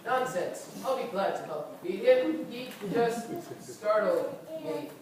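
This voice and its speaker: A woman's voice: on the high side, expressive, unhurried, a crowd in the background. A woman, playing a cocky but jumpy young prince in an amateur church play, talks boastfully and whines nervously. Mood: bratty. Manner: boastful then nervous, whiny. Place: church stage. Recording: echoey room from far off with loud noise.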